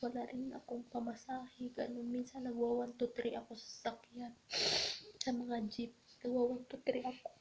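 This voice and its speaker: A woman from the Philippines telling her own life story on a vlog, speaking in a hushed, often half-whispered, halting way full of fillers. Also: on the high side, monotone, gravelly, highs cut off. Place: abroad in her current home.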